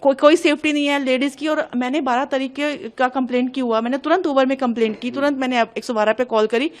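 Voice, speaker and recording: High-voiced young woman, urgent testimony. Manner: urgent, agitated, hurried retelling. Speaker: interviewee recounting an incident. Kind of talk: emotional news testimony.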